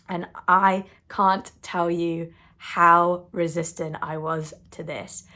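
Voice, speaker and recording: A woman in her twenties calmly and earnestly sharing her spiritual awakening, often repeating words for emphasis. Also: fairly low pitch. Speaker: spiritual channel host. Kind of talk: reflective spoken monologue on awakening.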